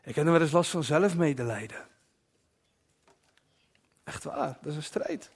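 A man preaching a sermon in a personal, confessional way, dropping to soft asides at times. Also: on the high side, lively intonation, a little slow, vocal fry, husky.

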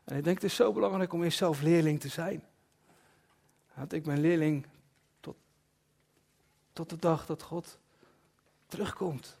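A man preaching a sermon in a personal, confessional way, dropping to soft asides at times. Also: on the high side, unhurried, creaky, pauses often.

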